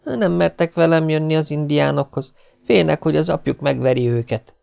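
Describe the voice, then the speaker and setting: A man voicing a cheeky, streetwise city boy who talks in an excited, slangy way. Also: a little high, gravelly, clear, resonant tone, pitched above the performer's own voice.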